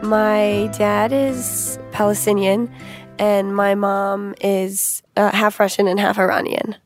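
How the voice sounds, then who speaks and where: A woman's voice: mid-range voice, dry recording, studio quality. A young woman reflecting on her mixed family background in a thoughtful way, often saying "like". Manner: reflective, with frequent "like". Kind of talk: interview testimony.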